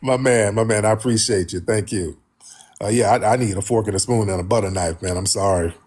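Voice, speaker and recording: A man's voice: on the low side, brisk, a little mellow, slightly rough. An American man hosting a casual live talk, speaking in a blunt, colloquial way. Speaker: host.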